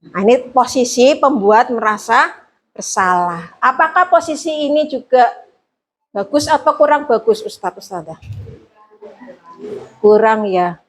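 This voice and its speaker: A woman teacher giving a training presentation to fellow teachers, explaining with lively acted examples. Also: on the high side, unhurried, long pauses. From Indonesia.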